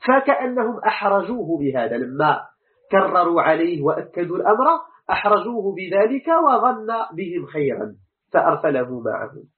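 A man with a Moroccan Arabic accent, teaching a lecture on Quran commentary and explaining step by step, repeating words slowly for emphasis. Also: high voice, big pitch swings, narrow, tinny audio.

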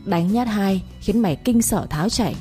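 A woman voicing a male Taoist priest who chants an exorcism slowly and solemnly. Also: mid-range voice, warm tone, faint music behind, natural voice. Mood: stern. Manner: slow incantatory chanting.

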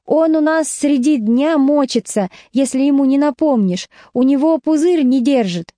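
A woman's voice: high voice, measured pace, dark tone, dry recording, studio quality. A woman doing an eager, tattling schoolboy. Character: tattling boy, choir head, self-important.

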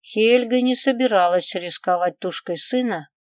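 A woman narrating a first-person audiobook in an even, measured reading. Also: mid-range voice, no room sound. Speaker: audiobook reader.

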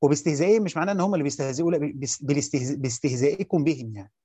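A man's voice: fairly high pitch, very fast, mellow, breathy edge, dry recording. A man with an Egyptian Arabic accent teaching Quran commentary, reading a passage aloud, then explaining it and quizzing his listeners. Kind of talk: classroom lecture reading and explaining a text.

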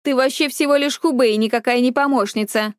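Woman narrator doing a jealous, scolding young colleague in a storybook; higher, sharp delivery, no room sound. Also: a little fast, clean tone, no echo, studio quality, natural voice. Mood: indignant. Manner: indignant, scolding. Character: haughty jealous young female office colleague.

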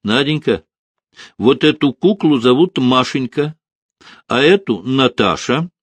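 A reserved, modest military commander, voiced by a male audiobook reader. He speaks calmly and with lively, shifting intonation. The sound is dry and close. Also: medium pitch, a little slow, breathy edge, dry recording. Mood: gentle. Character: Soviet marshal, middle-aged man, reserved and modest.

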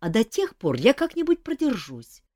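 A woman voicing a gruff adult male hero who grumbles and answers with curt sarcasm. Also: fairly high pitch, wildly swooping pitch, moderate pace, darkish tone, no echo, clean studio sound, voice pushed up. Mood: grumbling.

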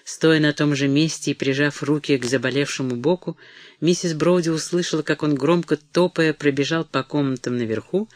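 A man narrating a novel in a measured, literary reading voice. His pitch sits a bit high. The recording is dry and close. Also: dry recording. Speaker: audiobook reader. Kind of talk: scripted narration.

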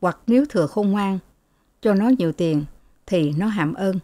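A woman's voice: medium pitch, moderate pace, no echo. Woman narrating a novel, dry close sound. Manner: steady, even storytelling. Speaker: audiobook narrator.

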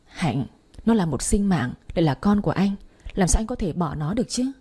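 A woman voicing a guilty husband who speaks quietly and stubbornly. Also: lowish voice, lively intonation, fairly quick, breathy edge. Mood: quiet guilt.

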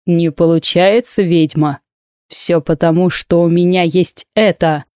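A woman's voice: on the low side, moderate pace, dark tone, dry recording, clean studio sound, lightly acted. A woman reading the lines of a fierce male warrior who harshly accuses a witch, in an audiobook. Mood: menacing.

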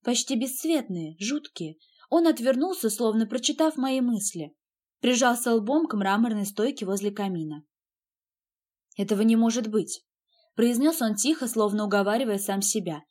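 A woman narrating a first-person audiobook in a steady, even reading voice. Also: fairly high pitch, normal speed.

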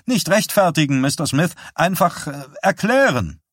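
A man's voice: a little high, big pitch swings, moderate pace, a bit bright, no echo, clean studio sound, pitched above the performer's own voice. A man voicing a nervous, pushy male newspaper reporter who presses his question. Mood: insistent.

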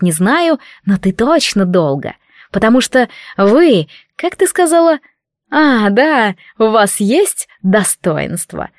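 In this audiobook, a spiteful young maid hisses her words through her teeth, mocking and venomous, as a woman narrator puts her on. Her voice sits a little higher and louder than the narrator's own. The reading is close and dry. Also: no echo. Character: spiteful jealous young maid, sharp-tongued and hissing.

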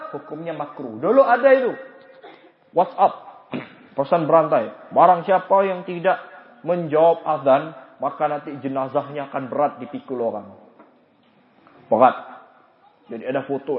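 A man giving a religious study lecture in a joking, lively way, acting out anecdotes and chanting prayer phrases as examples. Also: on the high side. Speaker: religious teacher. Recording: echoey, dull lo-fi room recording.

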